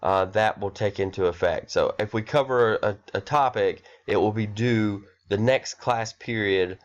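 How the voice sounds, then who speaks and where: A man's voice: fairly low pitch, measured pace. A man with a stuffy, nasal voice from a cold, recording a course overview for his students in a rambling way with many fillers and self-corrections. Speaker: math instructor. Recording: dull lo-fi recording.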